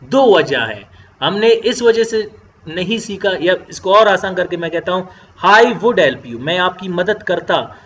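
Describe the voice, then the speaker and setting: A man teaching English grammar in a classroom-style lecture, explaining in Hindi-Urdu and reading English example sentences slowly and deliberately. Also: sits high, lively intonation, fairly bright tone. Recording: dull lo-fi sound with faint background noise.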